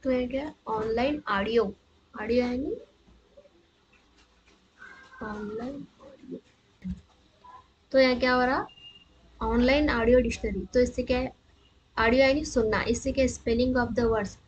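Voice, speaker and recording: A woman teacher going through an exam answer key. She reads the English options slowly and explains them rapidly in between. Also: fairly high pitch, fairly even intonation, highs cut off, a little hiss or hum.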